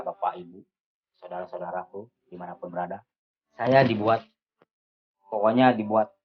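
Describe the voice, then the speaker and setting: A man telling his personal testimony to a church audience, animated and repeating phrases for emphasis. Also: lowish voice, muffled recording.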